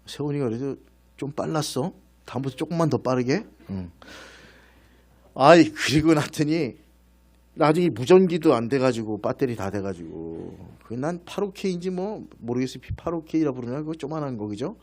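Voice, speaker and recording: Preaching at a moderate pace in a medium-pitched voice, a male pastor tells an animated personal story in church and periodically speaks directly to people in the congregation.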